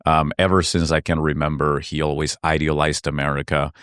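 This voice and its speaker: A man from Argentina, whose first language is Spanish, speaks with an extremely deep, smooth and resonant voice. He tells his story in an earnest, reflective way, and the sound is close and dry. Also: flat delivery, a little fast, a bit bright, no echo. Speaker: entrepreneur guest. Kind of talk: conversational interview.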